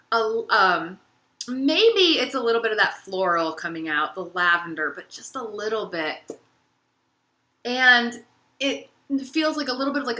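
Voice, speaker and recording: Bright-voiced chatty woman in an echoey room. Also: a little high. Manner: chatty, searching for words with many fillers. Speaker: candle reviewer. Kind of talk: casual product review vlog.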